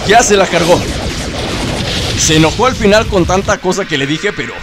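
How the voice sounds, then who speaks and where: A man doing casual gameplay commentary, excitable and teasing the game characters as he plays. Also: high voice, moderate pace. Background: game music.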